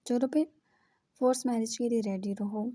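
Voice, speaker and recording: A woman's voice: a little high, steady tone, normal speed, mellow, no echo, lightly acted. A woman voicing a teasing possessive young man. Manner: playful and coaxing.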